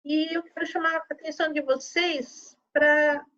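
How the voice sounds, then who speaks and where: A woman's voice: high voice, fairly even intonation, unhurried, a bit bright, highs cut off. A woman teaching children a lesson, patiently explaining step by step and checking in often. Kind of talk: online Portuguese lesson for children.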